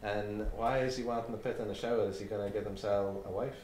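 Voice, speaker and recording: A man's voice: fairly low pitch, steady tone, quick pace, darkish tone. A young man with a Shetland Scots accent, asking questions in a casual chat, using local dialect words. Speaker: interviewer. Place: small primary school classroom, indoors. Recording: echoey classroom with faint noise.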